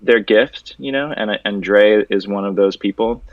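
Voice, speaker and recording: Young guy from venezuela, super low voice, laid-back joking chat, kinda muffled dry audio. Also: moderate pace, no room sound. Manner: laid-back, loose and joking, with casual swearing. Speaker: guest artist. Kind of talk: casual interview chat.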